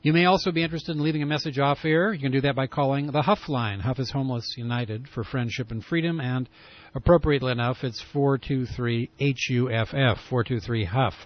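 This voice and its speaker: A man's voice: medium pitch, dry recording. A man hosting a pirate radio broadcast in casual, rambling talk full of fillers, with a lo-fi broadcast sound. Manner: rambling, loose delivery with many fillers. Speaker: radio show host.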